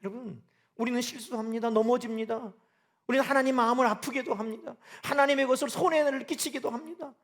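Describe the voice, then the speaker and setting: High-voiced man preaching earnestly. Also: steady tone, fast talker, fairly bright tone. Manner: earnest, addresses congregation as 여러분, rising emphatic declarations. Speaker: pastor. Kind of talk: sermon. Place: church sanctuary. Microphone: live service microphone.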